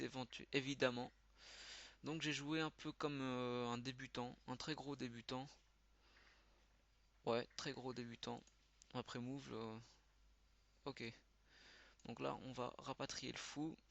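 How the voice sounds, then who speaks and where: A man giving live commentary as he plays, thinking aloud with quick muttered exclamations. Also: mid-range voice, creaky, pushed and bright. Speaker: channel host. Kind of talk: live commentary while playing.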